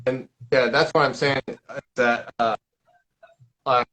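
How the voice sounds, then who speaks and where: A man hosting a live question-and-answer stream, talking loosely in a rambling, halting way with many fillers and restarts. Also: medium pitch, steady tone, over loud music, poor audio. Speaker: paranormal investigator hosting a live Q&A. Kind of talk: casual live-stream chat.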